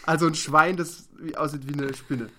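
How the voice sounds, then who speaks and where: A man's voice: on the high side, steady tone, moderate pace, pushed and bright. A man co-hosting a podcast, chatting casually and enthusiastically, rambling through stories. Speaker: podcast co-host. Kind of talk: casual chat about comics.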